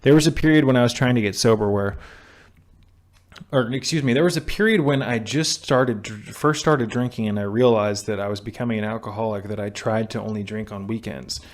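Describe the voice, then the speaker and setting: A man's voice: lowish voice, fairly quick. Blunt young man lecturing on sobriety. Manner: blunt, preachy, swears, many restarts. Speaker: vlogger on sobriety. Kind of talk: direct-to-camera self-help talk. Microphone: camera mic.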